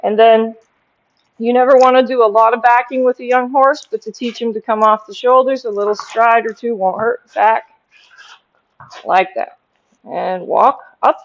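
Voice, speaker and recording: Higher-pitched woman horse trainer, dull audio. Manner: explanatory, interspersing short praise and commands. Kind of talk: hands-on instructional demonstration with spoken commands to the horse. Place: horse barn aisle, later an outdoor riding ring.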